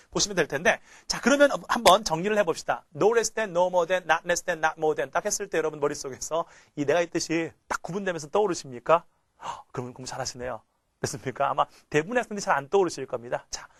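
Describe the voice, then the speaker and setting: Heard with no room sound, this fairly high-pitched man is lecturing on English grammar for a recording. Rhetorical questions and the tag "그렇죠?" come up constantly, and he drills phrases by chanting them for students to memorize.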